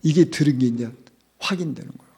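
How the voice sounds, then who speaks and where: A middle-aged man preaching a sermon as pastor, emphatic, putting rhetorical questions to the congregation and swinging between loud and hushed phrases. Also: on the high side, fast talker, husky.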